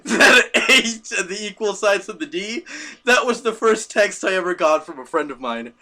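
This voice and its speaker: A man's voice: high voice, lively intonation, normal speed, sharp tone. A man co-hosting a podcast, joking in short casual interjections. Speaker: podcast co-host.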